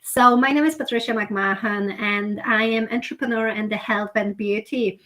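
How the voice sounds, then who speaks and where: A woman's voice: mid-range voice, steady tone, normal speed, fairly bright tone. A woman in her thirties from Poland with a Polish accent, a non-native speaker talking openly as a guest in a casual interview, often restarting her sentences. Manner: chatty and open, non-native phrasing with many restarts. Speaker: guest entrepreneur.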